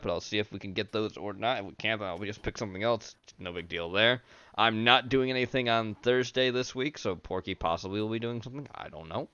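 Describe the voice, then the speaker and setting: Male livestream host, lowish voice, very dry and a little dull in sound, easygoing sign-off chatter. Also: sharp tone, clear, resonant tone, no echo. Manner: casual, profane, rattles off announcements. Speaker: stream host. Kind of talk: casual livestream chat.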